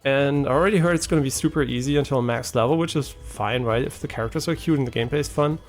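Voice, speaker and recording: Faint game music underlies a quick-paced, rambling live-stream chat from a streamer whose gravelly, fried voice sits at a normal male pitch. A native German speaker and half French, he keeps restarting, saying "um," and tossing in "right?".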